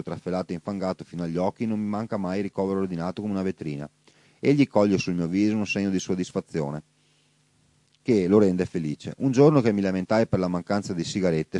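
A man giving an expressive literary reading of a first-person war memoir. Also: deep voice, no echo. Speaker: reader.

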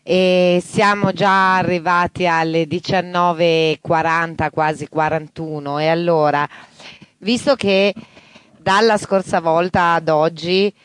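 A man's voice: on the high side, steady tone, slow pace, a bit bright, clear, resonant tone, no echo. A male host talking casually on air and wrapping up a segment. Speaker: radio host.

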